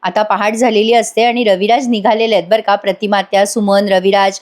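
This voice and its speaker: A woman's voice: medium pitch, steady tone, brisk, darkish tone. A woman recapping a TV serial episode as a voice-over, speaking in a Marathi accent, with chatty asides to viewers and acted-out character lines. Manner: retells scenes, acting out characters' lines. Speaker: TV serial reviewer.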